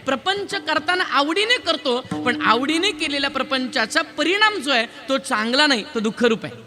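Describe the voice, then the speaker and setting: A male devotional preacher delivering a lively sermon, teasing and quizzing his live audience. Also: very high-pitched, moderate pace, music in the background. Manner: lively, quizzes and teases the crowd, counts raised hands. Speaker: kirtan preacher.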